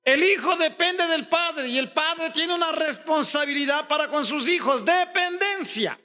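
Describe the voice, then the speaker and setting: This Ecuadorian pastor speaks a little slowly in an extremely high male voice, challenging the congregation with rhetorical questions and climbing to shouts on important points of his sermon.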